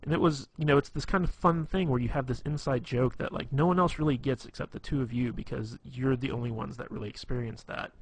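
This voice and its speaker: A man's voice: medium pitch, fairly even intonation, quick pace, creaky, hardly any pauses, breathy edge. A man explaining how to be funny with girls in a loose, rambling tutorial, full of fillers and restarts. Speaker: dating advice instructor. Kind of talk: casual tutorial talk.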